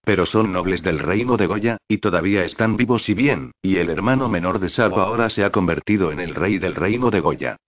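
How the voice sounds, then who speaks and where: A man reading a novel recap as scripted narration, in an even, flat manner. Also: low-pitched, a little fast, hardly any pauses, dry recording, muffled recording.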